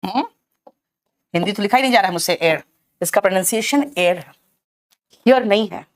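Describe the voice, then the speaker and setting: A woman's voice: medium pitch, lively intonation, fairly quick. A middle-aged woman teaching an exam-prep English lesson with an Indian English accent, calling her students "beta" and checking often whether they have understood. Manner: addresses students as "beta", keeps asking "clear?" and "theek hai?".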